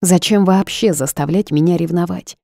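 A woman's voice: moderate pace, vocal fry, no room sound, clean studio sound. A woman voicing a fiery, indignant young pregnant heroine in an audiobook. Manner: loud, sharp, high outbursts.

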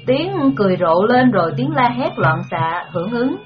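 A woman's voice: a little high, very animated, normal speed. Woman reading a story over music. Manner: hesitant, many fillers. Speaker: narrator. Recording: muffled with music behind.

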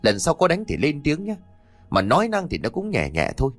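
A man voicing a gruff, bossy old male village exorcist who barks orders and scolds. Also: medium pitch, very animated, a little fast, faint music behind, close to an everyday voice. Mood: bossy scolding.

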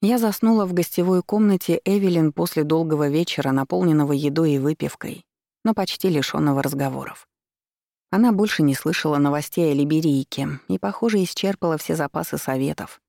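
Gravelly-voiced woman reading an audiobook. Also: deep voice, brisk, warm tone, dry recording, clean studio sound. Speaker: audiobook narrator. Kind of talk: first-person audiobook narration.

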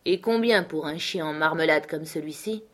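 A woman reading aloud, voicing a stern, commanding man who is quick to anger and speaks in a firm, threatening way. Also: low voice, close to an everyday voice.

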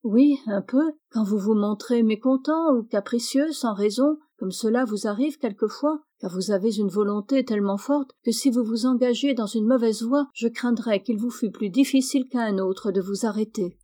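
A woman's voice: a little high, normal speed, hardly any pauses, mellow, lightly acted. A woman reading the part of an outspoken, earnest young woman in an audiobook. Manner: earnest and direct.

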